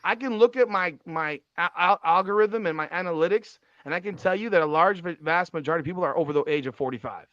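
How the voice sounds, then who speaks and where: A podcast host in his forties talks fast in a high voice, with few pauses and no room sound, though the recording is dull and slightly lo-fi. In casual chat he's emphatic and repetitive, swearing freely.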